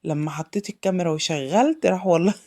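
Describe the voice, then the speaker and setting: An Egyptian woman with a sore throat talks quickly in a mellow, darkish voice. She chats effusively at home for her vlog. She keeps repeating her thanks and oaths. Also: lowish voice, expressive. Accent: Egyptian Arabic. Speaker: homemaker vlogger. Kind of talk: casual home vlog chat.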